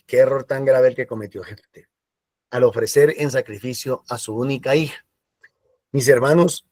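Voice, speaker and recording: A man's voice: medium pitch, a little mellow, no room sound. Guy preaching a homily, chatty, dry close mic. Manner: conversational preaching with acted asides and quoted voices. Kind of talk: sermon.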